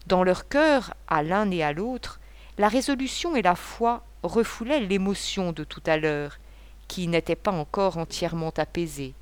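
Low-voiced woman reading a novel. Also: clear, resonant tone, dry recording. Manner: measured literary reading. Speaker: audiobook narrator. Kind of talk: scripted narration.

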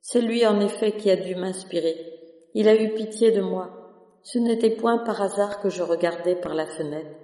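A storyteller voicing a kind, devout old widowed cobbler in a storybook reading, speaking gently. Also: medium pitch, moderate pace, distant mic, close to an everyday voice. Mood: kindly. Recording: echoey room with long reverb.

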